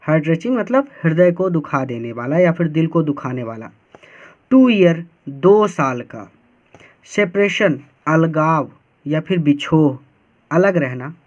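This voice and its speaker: Slow, high-voiced male teacher explaining. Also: animated, darkish tone, highs cut off. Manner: slow, word-by-word explaining with frequent checks. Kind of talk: line-by-line lesson explanation.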